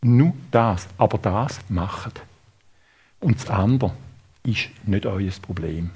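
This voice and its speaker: A man with a Swiss German accent preaching a sermon, halting, with many fillers and restarts. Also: lowish voice, a little mellow, breathy edge.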